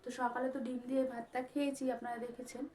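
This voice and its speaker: Woman vlogger at home, higher-pitched, chatty and rambling; echoey room. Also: flat delivery, very fast, darkish tone, recorded from a distance, slight background noise. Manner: chatty, rambling, talks to viewers. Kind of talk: casual home vlog narration.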